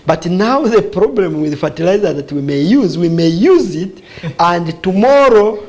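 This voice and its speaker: A man's voice: high-pitched, lively intonation, measured pace, darkish tone, poor audio. A man from western Uganda, a guest in a studio discussion who explains earnestly and asks himself questions that he then answers.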